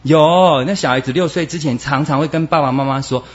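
A man preaching a sermon, animated and acting out quoted voices, with Hokkien words mixed in. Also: fairly high pitch, a little fast. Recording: dull lo-fi recording.

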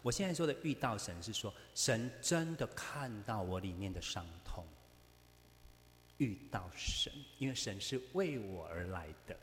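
A man's voice: on the low side, expressive, measured pace, long reverb tail, a little hiss or hum. A man preaching a sermon, telling a story and acting out both sides of the conversation.

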